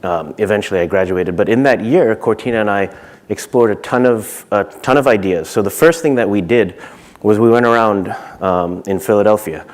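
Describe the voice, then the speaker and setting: A man in his thirties, from Zimbabwe, giving a casual conference talk on stage with many fillers and restarts. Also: on the low side. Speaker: conference speaker.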